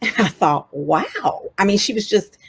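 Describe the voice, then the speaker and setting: Southern lady giving a lively chatty motivational talk, mid pitch, emphatic. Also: a little fast, breathy edge. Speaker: DEI speaker and author.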